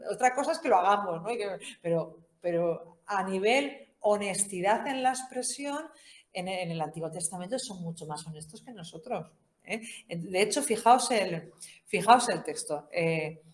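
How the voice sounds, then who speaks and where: A woman's voice: medium pitch, expressive, unhurried. A woman with a Spain Spanish accent giving an informal Bible course talk, conversational and humorous, often tagging her sentences with questions. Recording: roomy echo.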